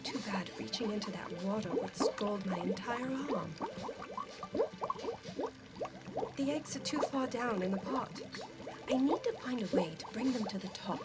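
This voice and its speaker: A woman's voice: medium pitch, animated, moderate pace, very noisy, natural voice. A woman voicing a proper, wry newlywed passenger on an ocean liner, speaking with prim period diction in an adventure game. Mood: musing. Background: game music.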